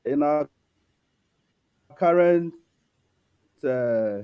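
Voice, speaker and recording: A man's voice: a little high, very slow, clean tone, no echo, phone-quality sound. A man speaking as a conference panelist over a video call that keeps breaking up, repeating phrases to get through. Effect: choppy video call that keeps breaking up. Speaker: conference panelist on health policy. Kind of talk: remote panel remarks.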